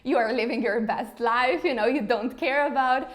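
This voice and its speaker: A woman's voice: on the high side, normal speed. A woman in her thirties from Slovenia, an English speaker, chatting casually in an interview with frequent fillers like "you know". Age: 30s. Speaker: interview guest, face yoga founder.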